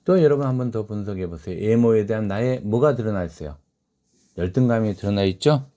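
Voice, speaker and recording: A man's voice: lowish voice, lively intonation, fairly quick, warm tone. A man teaching a literature lesson, who asks the class questions and then answers them himself. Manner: reads quoted lines aloud in a raised voice. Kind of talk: classroom lecture on a short story.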